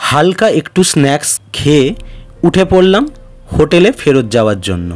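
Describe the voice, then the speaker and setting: A man reading a slow, poetic voice-over narration. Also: on the high side, very animated, soft background music.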